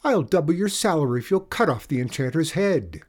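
A man reading a storybook aloud, voicing a bossy, quick-witted young princess with a brisk, commanding manner. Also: a little high, sing-song, pitched above the performer's own voice.

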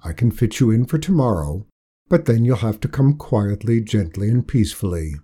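A man's voice: very animated, dark tone, breathy edge. Death, played by a man as a weary bureaucrat. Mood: bargaining. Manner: low, measured and officious.

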